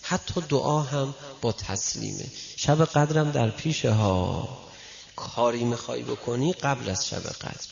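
A male preacher giving a sermon, telling stories and speaking directly to his listeners, with a gravelly voice. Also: medium pitch, slight background noise. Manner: storytelling, addresses listeners directly, animated quoting. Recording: dull lo-fi recording.

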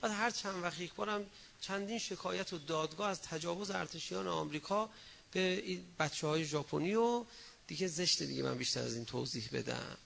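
A male preacher giving a religious sermon, exhorting his listeners, swinging between loud emphatic bursts and low asides, and acting out quoted people in a raised voice. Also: gravelly, a little hiss or hum.

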